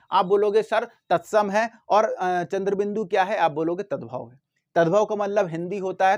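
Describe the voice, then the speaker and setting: Man, teacher, classroom lesson, asks and answers himself, repeats sounds. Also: high-pitched. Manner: repeats words and sounds slowly to demonstrate.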